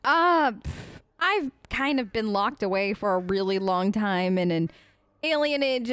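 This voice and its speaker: A woman with a high voice role-plays her game character as a let's play host. She improvises casual in-character replies that are chatty, informal and a bit rambling. There is no echo on the recording.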